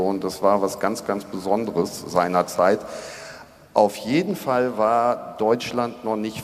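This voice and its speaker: A middle-aged man reminiscing informally as a speaker on a stage panel. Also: on the low side. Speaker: panel speaker, event organiser. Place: large reverberant hall, on stage. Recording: echoey hall, live stage PA.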